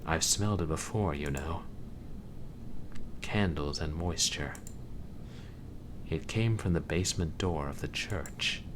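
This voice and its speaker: A man voicing an observant, matter-of-fact investigator in game dialogue, measured and quietly insistent. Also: a bass voice. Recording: clearly noisy background.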